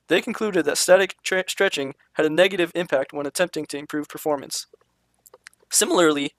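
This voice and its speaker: A man reads scripted explanatory narration in a formal way. He moves quickly at a slightly high pitch, with almost no room sound. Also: dry recording. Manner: formal, reading study findings.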